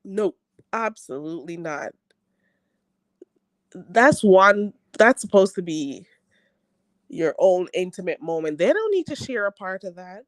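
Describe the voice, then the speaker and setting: Stuffed up and a touch nasal, a woman running a casual live chat reads her viewers' messages out loud, laughing frequently and speaking bluntly. Her lowish voice is very animated, her pace measured, and she pauses often. There's no echo.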